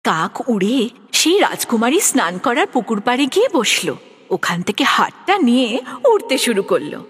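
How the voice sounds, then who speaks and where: Woman narrator for kids' animated stories, lively and fairly high. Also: moderate pace, breathy edge. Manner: expressive, addresses the young listener. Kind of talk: storybook narration for children.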